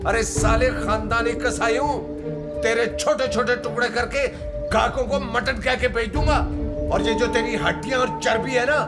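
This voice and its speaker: An actor playing a gruff, bullying middle-aged butcher father who bellows threats at his son, over a loud film score. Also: very high voice, fairly even intonation, moderate pace, loud music behind the voice. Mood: threatening. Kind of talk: film comedy acting.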